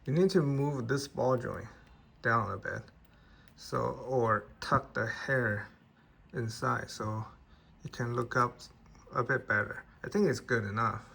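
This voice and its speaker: A man's voice: mid-range voice, slow, gravelly, bright, forceful tone, slightly rough. A man, not an English speaker, casually reviewing an action figure in plain conversational talk with restarts. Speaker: toy reviewer.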